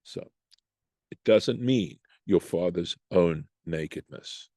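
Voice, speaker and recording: A man with a low, mellow voice leads a study class, reading short phrases from the text and then explaining them at an unhurried pace. He thinks aloud with restarts and climbs higher when he poses the debate's questions. The sound is dry and close, as on a video call. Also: no echo. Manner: rises in pitch when voicing the Talmud's questions. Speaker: Torah study teacher.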